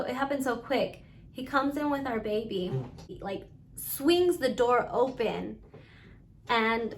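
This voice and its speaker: Slow-speaking woman, earnest and halting. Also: on the high side, fairly bright tone, slight background noise. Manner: halting, pausing often, earnest. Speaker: vlogger recounting her own experience. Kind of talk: personal storytelling monologue.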